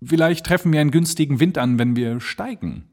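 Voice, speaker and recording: A man's voice: on the high side, fairly quick, a little mellow, pitched above the performer's own voice. A man voicing a male balloonist who gives urgent commands in a raised voice. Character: male balloonist, desperate but resolute.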